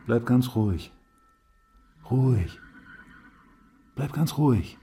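A man playing a calm, soothing lover. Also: takes it slowly, vocal fry, slight background noise. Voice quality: low, hushed and soothing. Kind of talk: radio play acting.

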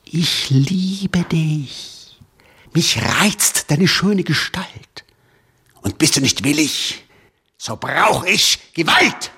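A man voicing a seductive, menacing spirit king in a slow, breathy whispered role-play. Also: on the high side, animated, pushed and bright, voice pushed up, exaggerated voice. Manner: slow breathy whisper, luring then threatening.

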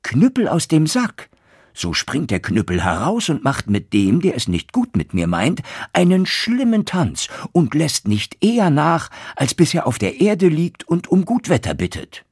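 A man's voice: lowish voice, very animated, normal speed, hardly any pauses, slightly rough, no room sound, clean studio sound. A man voicing a proud, stern young craftsman in a fairy tale, declaiming boldly. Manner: bold, boastful declaiming.

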